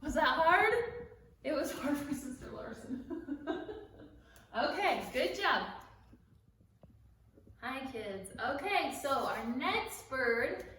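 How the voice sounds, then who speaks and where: High-voiced woman leading kids' singing. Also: expressive, slow pace, long pauses, a little hiss or hum. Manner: gentle, encouraging, sings along. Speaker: children's singing teacher. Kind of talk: children's music lesson. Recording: echoey room from far off, music behind.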